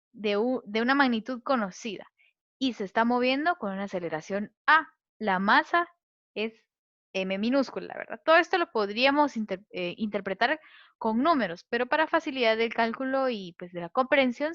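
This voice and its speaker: A woman's voice: a little high, a bit bright, no room sound. A woman teaching a physics lesson, explaining step by step and often checking that listeners follow. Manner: patient, checks understanding with a questioning tag. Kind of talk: explaining physics over slides. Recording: muffled lo-fi recording.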